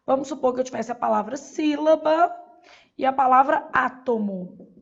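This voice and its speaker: A woman's voice: high voice, steady tone, very fast, vocal fry, slightly rough, muffled recording. A Brazilian woman teaching a Portuguese exam-prep lesson, asking questions and answering them herself. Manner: didactic, asks and answers her own questions.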